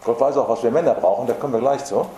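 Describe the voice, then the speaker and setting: A man preaching a sermon, earnest and emphatic, slowing down to stress repeated phrases. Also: mid-range voice, warm tone. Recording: roomy hall with faint background noise.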